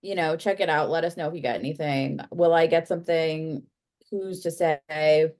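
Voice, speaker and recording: A woman with a notably low voice co-hosts a podcast, chatting loosely and breaking off into "like" and "um." She sounds easygoing and conversational. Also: moderate pace, darkish tone. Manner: chatty, hesitant, with laughs. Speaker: podcast co-host. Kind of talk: casual chat.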